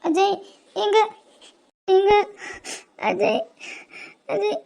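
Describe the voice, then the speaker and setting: A performer voicing an emotional, tearful young wife in a cartoon, with a southern Tamil Nadu accent, speaking in breathy, halting repeats. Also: very high-pitched, level tone, mellow. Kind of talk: cartoon voice acting.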